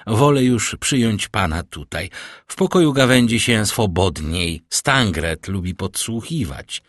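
A man reading an audiobook, voicing a calm, worldly count who speaks with measured irony. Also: on the low side, dry recording, studio quality. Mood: ironic. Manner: cool, measured, ironic. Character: calm, ironic, worldly older nobleman count.

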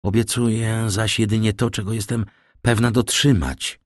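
A man's voice: on the low side, steady tone, normal speed, no echo, studio quality, close to an everyday voice. A man voicing a poor young village woman, firm and earnest as she turns down a suitor.

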